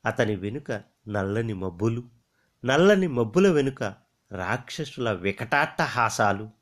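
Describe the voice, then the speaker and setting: Slow, solemn male storyteller. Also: medium pitch, very animated. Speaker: narrator. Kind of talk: scripted narration of a poetic story.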